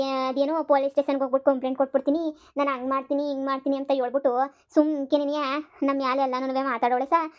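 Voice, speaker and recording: A woman's voice: high voice, lo-fi sound, close to an everyday voice. A woman doing a wailing village grandmother. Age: over 60 (figure). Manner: wailing, pleading, repeats "sir" constantly. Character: elderly grandmother, scheming and melodramatic. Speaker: complainant at a police station. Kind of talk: cartoon comedy voice acting.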